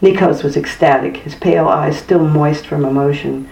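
A narrator reading a story aloud in a measured, even way. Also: medium pitch, gravelly. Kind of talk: scripted audiobook narration. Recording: distant, roomy, dull-sounding recording.

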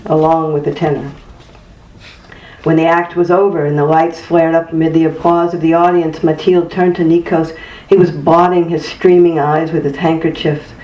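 A narrator reading a story aloud in a measured, even way. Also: medium pitch. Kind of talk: scripted audiobook narration. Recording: distant, roomy, dull-sounding recording.

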